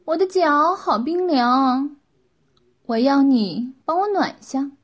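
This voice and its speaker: A woman's voice: high voice, lively intonation, slow, voice pushed up. A woman putting on a bossy, teasing young wife. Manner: teasing, commanding.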